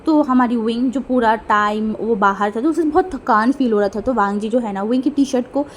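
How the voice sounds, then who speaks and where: A woman's voice: fairly high pitch, brisk, slight background noise. A young woman narrating fan fiction in a casual, chatty storytelling manner, with faint music behind her.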